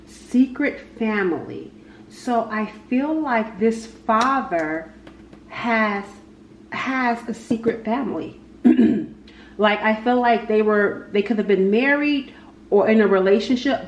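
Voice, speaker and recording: A female channel host gives an informal, improvised tarot reading in a slightly high voice, halting and repeating phrases while speaking to the spirit and her cards. The room sounds echoey, with a little background noise.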